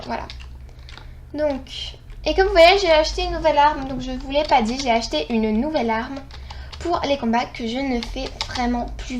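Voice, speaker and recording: A woman hosting a gaming channel, chatting casually through her gameplay, excitable and rambling, often correcting herself. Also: fairly high pitch, slight background noise.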